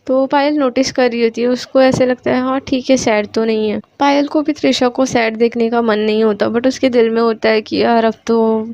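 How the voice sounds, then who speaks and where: A woman's voice: a little high, level tone, normal speed, hardly any pauses, darkish tone, highs cut off. A woman casually narrating a romantic story, chatty and mixing in English words, correcting herself as she goes.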